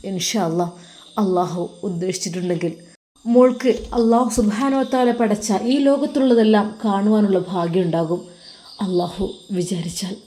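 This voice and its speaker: A kindly male religious teacher speaks softly and patiently, as a woman storyteller puts him on. His voice stays mellow and unhurried, the way a teacher soothes a curious child in a spoken storybook. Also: mid-range voice, lightly acted. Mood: gentle. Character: devout male religious teacher, gentle and wistful.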